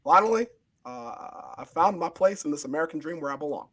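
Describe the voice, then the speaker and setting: A man on a comedy show talks in halting, hesitant bursts. His voice sits high and moves around a lot. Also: expressive, a bit bright. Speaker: comedy guest. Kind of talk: casual chat.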